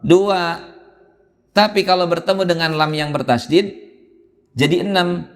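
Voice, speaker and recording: Slow-spoken man teaching in a mosque hall. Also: sits high. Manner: patient explaining, drawn-out chanted examples. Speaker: Quran teacher. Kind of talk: mosque Quran reading lesson. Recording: long hall reverb in a mosque.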